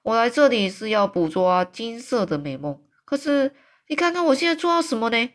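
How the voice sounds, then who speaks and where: A woman doing a dramatic, excitable friendly giant. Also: a little high, normal speed, pitched above the performer's own voice. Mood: horrified. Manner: loud exclamations, wailing cries. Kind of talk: storybook read-aloud.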